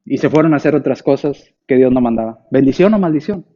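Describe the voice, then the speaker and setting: A man preaching a sermon, telling a story and acting out the villagers' voices with big jumps in pitch. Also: lively intonation, fast talker, muffled recording. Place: church.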